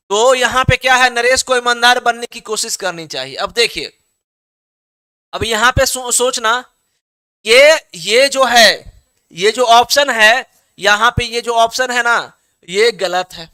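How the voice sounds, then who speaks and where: A man's voice: extremely high pitch, unhurried, bright, forceful tone, clear, resonant tone. A man teaching an online exam-prep class, who reads out students' answers and keeps coaxing them, checking often that they have understood.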